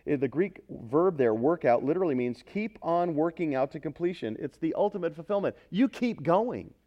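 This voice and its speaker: A man preaching a sermon as pastor, swinging between loud, emphatic exhortation and quiet earnestness, often putting questions to the congregation. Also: on the high side, expressive, moderate pace, muffled recording.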